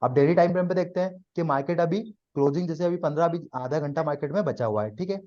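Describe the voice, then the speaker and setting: Fast-talking man teaching a live trading class. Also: on the high side, mellow, lo-fi sound. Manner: explains step by step, often asks "है ना?".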